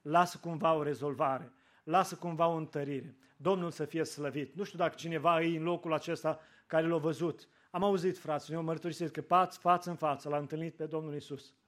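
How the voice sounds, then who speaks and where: A man preaching a sermon in a church, fervent, rising to emphatic peaks and dropping to quiet, prayerful lines. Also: on the high side, fairly even intonation.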